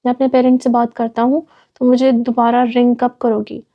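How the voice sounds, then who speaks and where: A woman's voice: fairly high pitch, little pitch movement, close to an everyday voice. Worried young man read by a woman, earnest, dull lo-fi sound.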